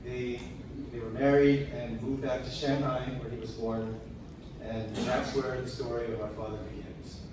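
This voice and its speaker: A man's voice: mid-range voice, level tone. Man giving tender eulogy, very echoey hall. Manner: measured, tender, with deliberate pauses. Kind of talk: prepared memorial speech. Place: large room at a memorial service. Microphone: picked up from a distance. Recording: very echoey, distant, noisy hall.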